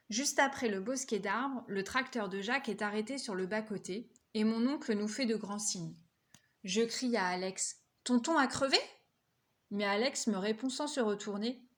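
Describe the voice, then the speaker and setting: A woman reading a children's novel aloud, lifting her voice for the characters' lines. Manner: lively, voices characters' quotes higher. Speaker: reader.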